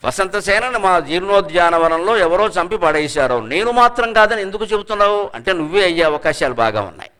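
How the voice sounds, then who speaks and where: An older man delivers a spirited lecture, teaching through stories. His voice sits high and carries a bright, ringing edge. He slips into quoted voices and chants classical verse slowly between the explanations. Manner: lively, mixes in Sanskrit verse chanted slowly, acts out quoted characters. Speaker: scholar and lecturer. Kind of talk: public lecture to law students.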